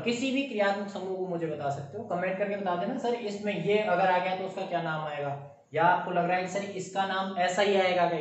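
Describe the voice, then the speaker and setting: High-voiced male teacher quizzing his class; very echoey, mic set far off. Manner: animated, keeps quizzing the class. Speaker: chemistry teacher. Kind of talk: classroom lecture. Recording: roomy, distant, muffled sound.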